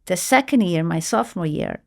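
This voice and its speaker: A woman's voice: fairly low pitch, lively intonation, moderate pace, vocal fry, darkish tone. A middle-aged woman from Portugal, telling her life story earnestly in an interview, with hesitant restarts. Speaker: guest, marketing executive.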